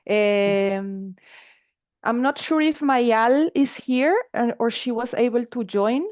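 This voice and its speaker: A woman hosts an online panel over a video call. Her voice sits fairly high, and her speech is hesitant, full of fillers and restarts. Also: takes it slowly, a little mellow. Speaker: webinar moderator.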